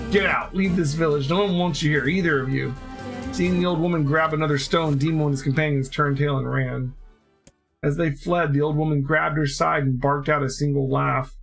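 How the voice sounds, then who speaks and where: Man reading a story aloud, measured. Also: on the high side, gravelly, fairly bright tone, rough recording. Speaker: streamer reading game story.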